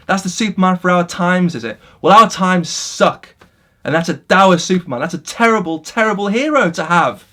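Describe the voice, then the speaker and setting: Man, vlogger, impassioned rant to camera, slightly high-pitched voice, veers from loud to hushed. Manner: passionate, animated, swings between loud and quiet. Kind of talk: casual opinion rant to camera.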